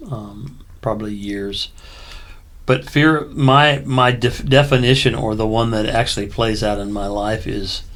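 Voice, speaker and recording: A man's voice: fairly low pitch, fairly bright tone. A middle-aged man co-hosting a casual podcast, talking in a thoughtful, reflective way. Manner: thoughtful, reflective, unhurried with fillers. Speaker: co-host.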